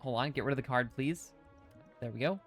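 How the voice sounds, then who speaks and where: A man of ordinary pitch streaming a card game, his talk loose and rambling as he reasons through each choice. His words come out a touch thick from the retainers he has in. Faint music plays underneath. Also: a little fast. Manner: thinking aloud, chatty, reads chat comments. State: wearing dental retainers, slightly hindered speech. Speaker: streamer playing a video game. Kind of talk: casual live-stream commentary.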